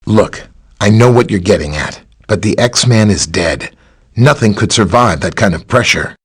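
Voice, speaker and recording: He voices a friendly, knowledgeable video game superhero scientist, an easygoing ally whose dialogue covers greetings and briefings. His husky voice sits lowish with animated pitch, his pace is unhurried, and while he stays conversational when explaining, the mood is sober and firm.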